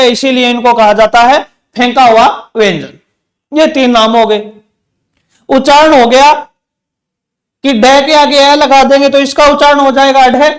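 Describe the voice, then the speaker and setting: A man teaching an exam-prep grammar lesson, repeating key terms and asking questions back to his students. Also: very high voice. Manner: says terms slowly, one by one.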